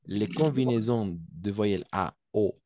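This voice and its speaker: Slow, low-voiced male French teacher. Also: mellow, muffled recording, slight background noise. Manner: patient, repeats words slowly, frequent praise. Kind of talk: online class instruction.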